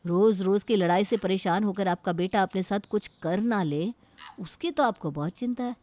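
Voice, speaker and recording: A woman's voice: medium pitch, normal speed, dark tone, close to an everyday voice. A woman voicing a protective, indignant young brother in a cartoon story. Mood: accusing. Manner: indignant, pleading, argumentative.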